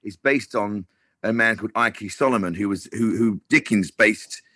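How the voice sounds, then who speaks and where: A man's voice: on the low side, moderate pace, sharp tone. A man who directs television, talking about his work in a casual interview with lots of restarts and fillers. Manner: rambling, many restarts and fillers.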